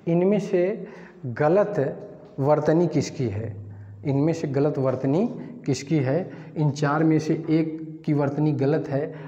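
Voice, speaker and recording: A man's voice: mid-range voice, mellow. A man explaining grammar as a teacher, step by step, repeating words and asking questions back. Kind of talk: Hindi grammar lesson. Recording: dull, echoey, roomy sound.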